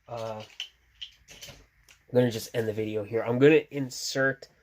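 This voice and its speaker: A sleepy man casually reviewing action figures, relaxed and rambling with fillers and restarts. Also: medium pitch, takes it slowly. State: sleepy, yawning.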